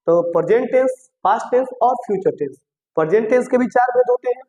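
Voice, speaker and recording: High-voiced man drilling a grammar lesson. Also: darkish tone, lo-fi sound. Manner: repetitive, drilling lists aloud with frequent check questions. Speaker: English grammar teacher. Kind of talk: classroom-style grammar lesson.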